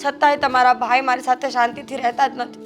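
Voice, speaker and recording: An actress with a Gujarati accent playing a hot-tempered young wife who scolds and complains. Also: female voice, high voice, level tone, fast, faint music behind. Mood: aggrieved. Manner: sharp, sulky and scolding. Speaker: young wife in a family drama. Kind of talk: Gujarati family drama acting.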